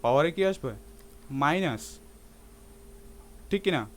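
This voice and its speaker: A man's voice: on the high side, lively intonation, measured pace, slight background noise. A man teaching a math lesson in a classroom-lecture style, often asking his students rhetorical questions and slipping English terms into his speech.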